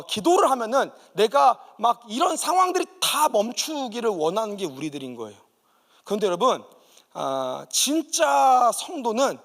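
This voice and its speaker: Male preacher telling a story, super animated up and down, echoey church hall. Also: high-pitched. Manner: vivid storytelling, emphatic. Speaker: guest pastor. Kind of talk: sermon with personal testimony. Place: church sanctuary.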